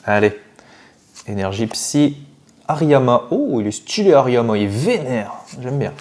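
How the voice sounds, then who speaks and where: French guy unboxing cards, super animated voice, swears a lot, yells when hyped. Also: medium pitch, measured pace. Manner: excitable, swears, shouts when thrilled. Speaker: card-opening youtuber. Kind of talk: casual unboxing chat.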